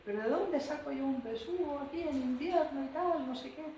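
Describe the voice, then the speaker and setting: A woman's voice: sits high, normal speed, warm tone, a little hiss or hum, pitched above the performer's own voice, lightly acted. A woman voicing an older woman who laughs as she recalls a painful memory, heard in an echoey venue from a distance. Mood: laughing. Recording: echoey venue, mic far off.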